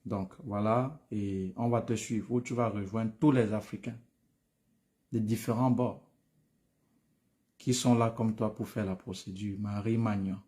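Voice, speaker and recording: A man's voice: on the low side, fairly even intonation, a little slow, long pauses, mellow. Tired man. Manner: familiar, addresses viewers by name, repeats himself. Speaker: study-abroad advisor. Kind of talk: live stream answering viewers.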